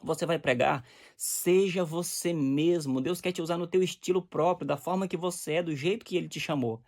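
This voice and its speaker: A man's voice: fairly high pitch, normal speed, a little mellow. A man preaching in a direct, exhorting teaching style, often checking that the listener understands. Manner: direct, exhorting, often asks "você tá entendendo?".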